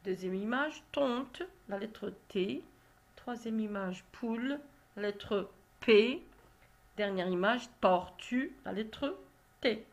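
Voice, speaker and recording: A woman teacher going slowly through reading exercises with young pupils, carefully sounding out syllables and letters. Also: fairly high pitch. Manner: slow, careful, spells out syllables. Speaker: primary school teacher. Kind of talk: reading lesson, exercise correction.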